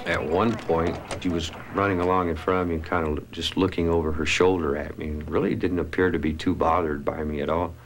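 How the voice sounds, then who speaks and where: A man's voice: low-pitched, fairly even intonation, a little fast, few pauses, a little hiss or hum. A man in a TV interview recounting an incident he handled as an officer. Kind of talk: interview recollection. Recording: music under the voice. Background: music.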